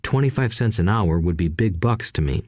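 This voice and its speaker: Low-voiced man reading an audiobook. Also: animated, moderate pace, a little mellow, dry recording, clean studio sound. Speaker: narrator. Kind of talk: audiobook narration.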